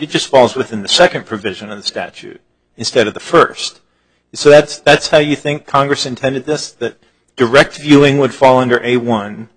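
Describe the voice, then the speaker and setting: A man's voice: medium pitch, fairly bright tone, slightly rough, low-quality recording. A male appellate judge questioning counsel in a courtroom, working through his point aloud. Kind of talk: questioning counsel at oral argument.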